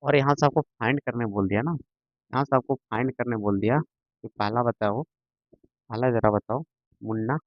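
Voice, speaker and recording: At a moderate pace broken by long pauses, a man with a medium-pitched voice lectures a maths class. He repeats things patiently and keeps checking that students understand, captured in a dry, dull lo-fi recording.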